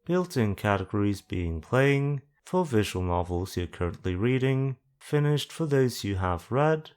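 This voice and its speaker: A man with a fairly low, darkish voice narrates an explanatory screen guide. His delivery is plain-spoken and dry, with casual self-deprecating asides.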